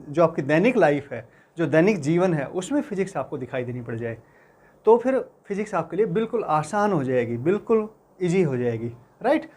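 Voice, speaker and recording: A man whose voice is a little high and a little mellow explains physics in Hindi to exam students. His manner is friendly and comforting; he uses "beta" and regularly seeks confirmation that they follow.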